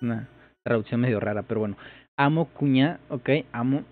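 A man's voice: medium pitch, moderate pace. A man vlogging his first try at a new language, thinking aloud hesitantly and repeating phrases as he works them out. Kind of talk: casual thinking-aloud commentary. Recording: tinny phone-like sound.

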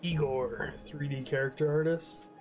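A man's voice: a little high, fairly even intonation, a little slow, faint music behind. A young man hosting a gaming channel, chatting loosely and rambling while game credits roll, his talk trailing off now and then. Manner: laid-back, rambling, yawning, trails off. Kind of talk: rambling let's-play commentary over credits.

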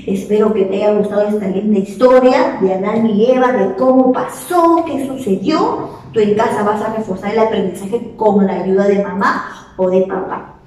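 A woman teacher with a Peruvian Spanish accent, slowly telling a story to small children and asking them questions. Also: mid-range voice. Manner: slow, expressive, asks children questions. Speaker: preschool teacher. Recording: echoey room, voice from far off.

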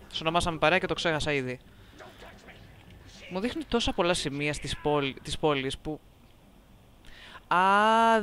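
Casually narrating his gameplay, this commentator cracks jokes, reads on-screen text, and responds to the game, despite a sore throat and a cough. His voice sits high with a fairly bright tone, and there's slight background noise.

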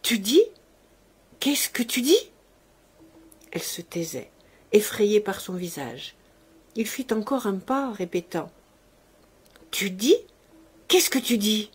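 A woman voicing a shaken widower who stammers and shouts in shock. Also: mid-range voice, animated, slow pace, pauses often, slightly rough, heavily acted. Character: trembling, enraged middle-aged widower father.

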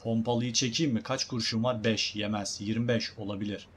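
A man's voice: on the low side, fairly even intonation, fairly quick, slight background noise. A man giving casual, joking let's-play commentary as a gaming YouTuber, talking to his viewers as guys.

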